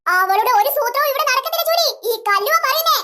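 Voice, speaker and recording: A woman's voice: very high voice, animated, quick pace, pushed and bright, exaggerated voice. A woman voicing a smug, boastful mean girl who mocks the heroine in a cartoon serial.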